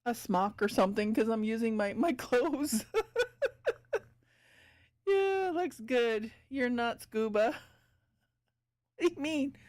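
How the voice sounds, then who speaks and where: A fairly high-voiced woman chats with her viewers as she paints on a live stream. She thinks aloud about her work in an easygoing, giggly way. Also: a little slow, a little mellow. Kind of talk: casual chat with viewers while painting.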